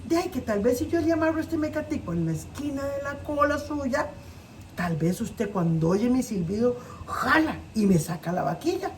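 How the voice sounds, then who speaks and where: A sly little rabbit trickster, as a Costa Rican woman storyteller puts him on, pleading and wheedling in a high, lively voice. The pitch swoops up and down, and a faint hiss sits under a mic set back from her. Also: moderate pace. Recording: distant mic with faint noise.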